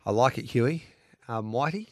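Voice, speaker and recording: A man's voice: mid-range voice, moderate pace, darkish tone. A man with an Australian accent hosting a casual sports betting chat. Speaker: podcast host.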